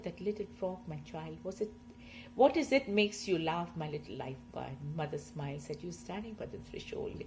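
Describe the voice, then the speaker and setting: A woman reciting poems aloud in a slow, expressive reading that swells in loudness. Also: mid-range voice, poor audio. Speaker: poetry reader. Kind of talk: poetry recitation.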